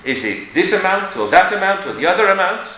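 A man's voice: high-pitched, big pitch swings, fairly quick, pushed and bright. A man giving an emphatic religious lecture with stories and rhetorical questions, sprinkling in Hebrew and Yiddish terms. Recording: echoey room with background noise.

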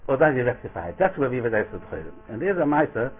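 A man with a Yiddish accent giving an informal Torah lecture as a rabbi, acting out dialogue and asking rhetorical questions in an animated storytelling way. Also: medium pitch, very fast, husky. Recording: thin, phone-like radio-quality audio.

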